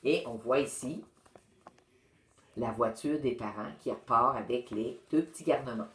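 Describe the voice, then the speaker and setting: A woman reading a children's novel aloud, expressive and talking to young listeners. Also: a bass voice, a little slow. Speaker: storyteller. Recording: roomy echo.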